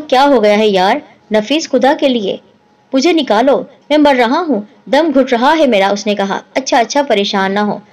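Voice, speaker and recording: Woman narrating a story, slightly high. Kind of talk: first-person story narration.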